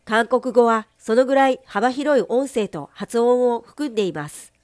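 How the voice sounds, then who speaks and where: A woman giving a steady, measured, formal reading of a translated sermon. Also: a little high, no echo, clean studio sound.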